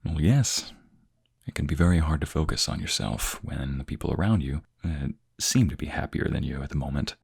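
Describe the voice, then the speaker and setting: A man playing a tender, reassuring boyfriend in a soft, gentle, soothing ASMR ASMR role-play, with a low, breathy, gravelly voice. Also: expressive, fairly quick, full character voice. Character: tender, reassuring boyfriend comforting his crying partner.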